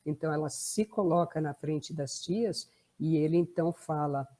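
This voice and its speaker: Mellow-voiced Brazilian therapist woman. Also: low voice, normal speed. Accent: Brazilian Portuguese. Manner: conversational, tag questions. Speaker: family constellation therapist. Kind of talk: explanatory talk.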